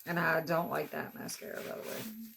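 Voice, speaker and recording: A woman's voice: deep voice, normal speed, creaky, fairly bright tone, a little hiss or hum. A woman vlogger, chatting casually through an unboxing, exasperated and complaining as she goes. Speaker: beauty vlogger.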